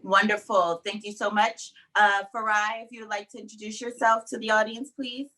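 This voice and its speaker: A woman moderating a video panel, her tone bright and crisp. She speaks politely and upbeat as she hands the word to each guest. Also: mid-range voice, level tone, moderate pace, low-quality recording. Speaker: panel host.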